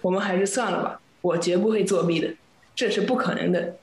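A woman teaching English in Chinese, reading lesson dialogues and explaining phrases with clear, steady classroom reading. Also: lowish voice, fairly quick. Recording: echoey room.

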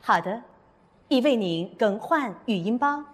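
A woman playing a polite, composed car navigation assistant with measured, neutral announcements in a comedy sketch. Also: fairly high pitch, lively intonation. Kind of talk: comedy sketch stage acting.

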